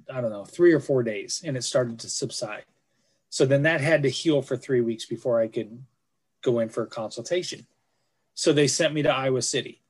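A man in his forties with a slightly raised pitch, swearing freely as he tells a story in a loose podcast chat. He is blunt and plainspoken. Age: 40s. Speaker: podcast co-host.

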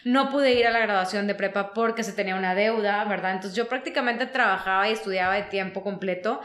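A woman from Mexico, a human resources consultant telling her life story in an interview, animated and full of fillers. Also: mid-range voice, fast talker, echoey room. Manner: animated, frequent fillers like "o sea" and "¿no?". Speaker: guest, HR consultant.

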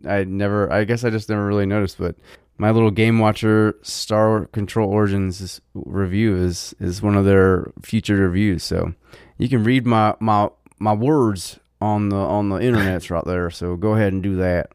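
Low smooth-voiced man chatting. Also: steady tone, moderate pace, a little mellow, no echo, studio quality. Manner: rambling, many fillers and restarts. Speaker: podcast co-host. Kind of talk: casual chat.

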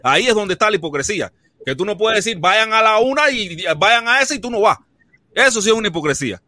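Fast-talking, bright-voiced argumentative Cuban man. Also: high-pitched, lively intonation, no echo. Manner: argumentative, lecturing. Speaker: participant. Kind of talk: heated live-stream debate.

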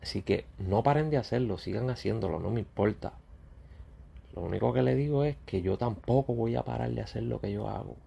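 Gravelly man ranting at critics. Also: medium pitch, a little fast, dark tone. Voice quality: gravelly, husky. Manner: blunt, confrontational, addresses critics directly. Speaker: YouTuber. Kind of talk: ranting vlog monologue.

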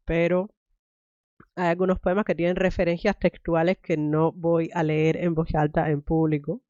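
A young woman from Cuba hosts an interview in a thoughtful, unhurried way, full of "eh" fillers and restarts. Her voice is dark and mellow, recorded dry and close. The sound is dull and lo-fi. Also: fairly low pitch, little pitch movement, no echo. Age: young adult. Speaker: podcast host, academic. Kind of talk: conversational interview, then reading a poem aloud.

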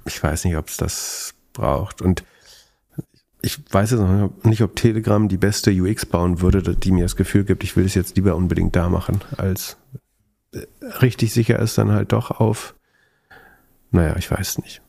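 A podcasting man with a lowish, creaky, mellow voice. He talks casually and analytically, feeling his way through points as he thinks aloud. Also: fairly even intonation, normal speed. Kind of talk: casual analytical chat about finance.

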